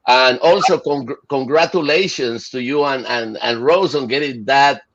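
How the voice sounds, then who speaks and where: In dull, lo-fi audio, a middle-aged man from Chile and Puerto Rico talks eagerly as a casual interview guest, often restarting and using fillers. He speaks unhurriedly in a medium-pitched, fairly bright voice.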